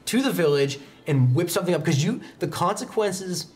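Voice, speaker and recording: Sitting at a desk in a studio, a young adult man serves as game master for an improvised tabletop RPG, describing scenes in storyteller fashion. His voice sits high and is animated and a little mellow, at a moderate pace, with a slight hiss or hum and background music.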